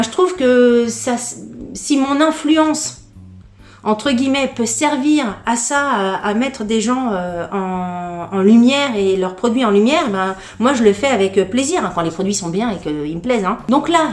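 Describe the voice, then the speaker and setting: A fairly high-voiced woman chatting away in a casual unboxing, candid and gushing, tripping over her words as she goes. Her voice rings around an echoey room. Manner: gushing excitement. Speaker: lifestyle vlogger.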